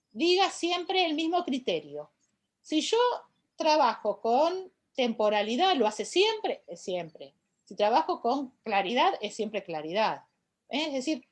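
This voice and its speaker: A woman lecturer with an Argentine Spanish accent, explaining points in an online class and often checking in with tag questions. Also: high-pitched. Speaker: university lecturer.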